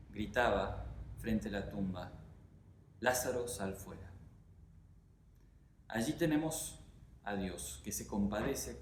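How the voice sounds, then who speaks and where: Argentine guy preaching a sermon, slow and emphatic with pauses, middle pitch, echoey church sound. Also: darkish tone. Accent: Argentine Spanish. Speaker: pastor.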